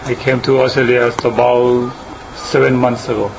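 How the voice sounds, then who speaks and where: Guy in his 40s, gravelly flat voice, noisy room. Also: mid-range voice. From Thailand. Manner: halting, short phrases. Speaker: adult English student.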